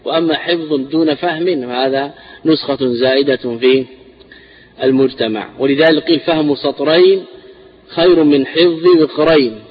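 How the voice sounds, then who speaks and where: A man teaching a classical text on inheritance shares, explaining slowly and repeating words for emphasis. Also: fairly high pitch, fairly even intonation, husky. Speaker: teacher of Islamic inheritance law. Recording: dull lo-fi recording.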